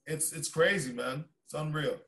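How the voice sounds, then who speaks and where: A man co-hosting a casual podcast chat over a video call, telling stories in an excitable, slangy way. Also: on the high side, moderate pace. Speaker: podcast co-host.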